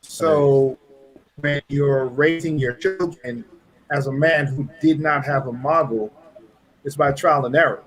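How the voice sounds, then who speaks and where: A man's voice: a little high, fairly even intonation, a little slow, rough recording. A man from Trinidad with a Trinidadian accent, a pastor and guest, telling his story in an earnest, reflective way. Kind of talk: casual chat.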